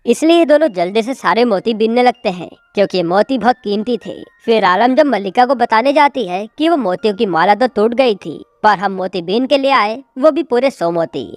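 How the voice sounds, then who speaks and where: A woman narrating a recap of a web series, retelling the plot episode by episode in steady scripted storytelling. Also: medium pitch, no room sound.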